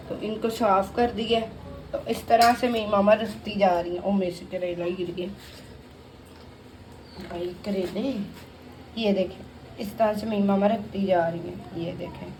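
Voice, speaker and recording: A woman with a sore, hoarse voice hosts a casual home cooking video and chats on, looping back to the same filler phrase. She is recorded in a home kitchen, with dishes, pots and cutlery clattering clearly in the background. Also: medium pitch, background noise. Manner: chatty, repeats "jo hai na" often. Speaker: cooking channel host.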